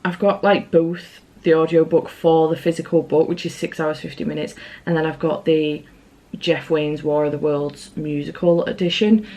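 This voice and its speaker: A woman's voice: sits low, a little mellow. A British woman chatting casually to camera as a book vlogger, rambling along with self-aware asides.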